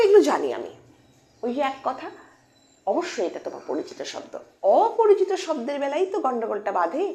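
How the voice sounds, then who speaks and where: A woman teaching English phonics to children in a lively, questioning way. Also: on the high side. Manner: animated, questioning teacher voice addressing kids. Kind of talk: children's lesson.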